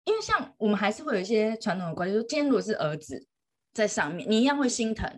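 A woman's voice: medium pitch, sing-song, quick pace. A woman, a mother telling a story in casual chat, laughing often.

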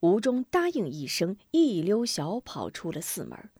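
Slow, expressive woman storyteller. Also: medium pitch, slightly rough, no echo, studio quality. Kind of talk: scripted martial-arts story narration.

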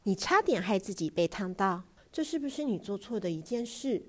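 A woman voicing a gentle, patient mother who coaxes softly and sometimes hushes to a whisper. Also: mid-range voice, big pitch swings, normal speed. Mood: coaxing. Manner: soft, coaxing, hushed at times.

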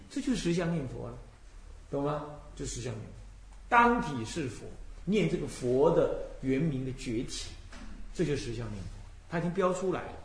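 A man from Taiwan, an abbot and Buddhist teacher, giving a dharma lecture. He asks his listeners rhetorical questions and at times drops to a soft voice to show how to chant. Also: on the high side. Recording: echoey room with faint noise.

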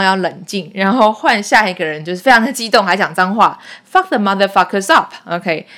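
A woman teacher walks through film dialogue line by line with patient explanations. She drops English phrases into her teaching. Her voice sits at a middle pitch. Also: fairly bright tone.

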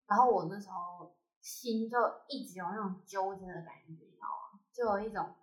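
A woman from Taiwan telling a personal story in casual chat, animated and acting out what others said. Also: mid-range voice, a little fast. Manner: animated storytelling, quoting others in lively voices. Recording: roomy echo.

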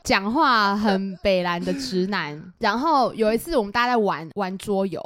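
A woman's voice: medium pitch, lively intonation, normal speed, a bit bright. A woman co-hosting a podcast, chatting casually in with a laughing, teasing way of telling stories. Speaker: podcast co-host. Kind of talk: casual chat.

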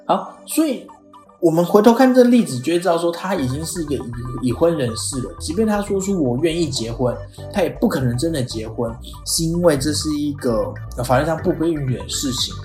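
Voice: medium pitch, animated, a little fast, darkish tone. Podcast host in an echoey room. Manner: explains step by step, frequent "哦" fillers, acts out quoted lines. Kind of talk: explanatory podcast lecture. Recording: roomy echo with faint background music.

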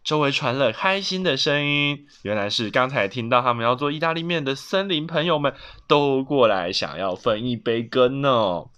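A man's voice: medium pitch, lively intonation, normal speed, few pauses, a bit bright, clear, resonant tone, lo-fi sound. A man reading a bedtime story to his child, playfully asking questions along the way. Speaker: father telling a bedtime story.

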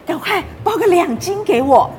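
A woman's voice: extremely high pitch, big pitch swings, normal speed, darkish tone, pitched above the performer's own voice. Woman doing a sweet lady shopper. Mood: pleased. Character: pretty, friendly woman shopper.

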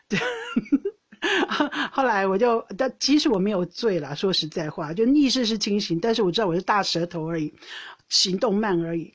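A woman hosting a podcast, telling a personal story in a rambling, casual way with frequent laughs and restarts. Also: a little high. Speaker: podcast host; older sister co-hosting with her sister. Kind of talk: casual chat.

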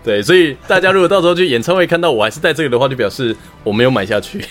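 A man's voice: mid-range voice, animated, very fast, fairly bright tone, soft background music. A man with a Taiwanese accent hosting a podcast in a casual, conversational style. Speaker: podcast host. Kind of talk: casual chat.

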